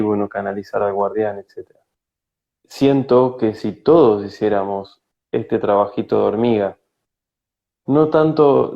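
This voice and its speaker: Gravelly, low-voiced Argentine man. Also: muffled recording. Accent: Rioplatense Spanish. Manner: slow, searching, with frequent hesitations. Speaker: spiritual guide, guest. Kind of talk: reflective conversational interview. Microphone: video call.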